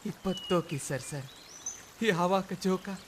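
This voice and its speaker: A woman acting a slow, folksy rustic snack hawker. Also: on the low side, slight background noise, lightly acted. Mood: soothing, coaxing. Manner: folksy, drawn-out street hawker delivery. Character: rustic woman chana vendor, cajoling and folksy. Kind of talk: radio play acting.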